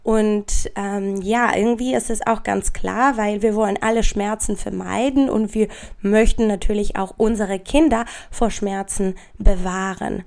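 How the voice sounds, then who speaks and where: A woman hosting a podcast, chatting effusively and directly to the listener, her voice raspy, sniffly and stuffed up from a heavy cold. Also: mid-range voice, fairly even intonation, unhurried, a little mellow. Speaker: podcast host. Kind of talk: casual solo podcast talk addressed to the listener.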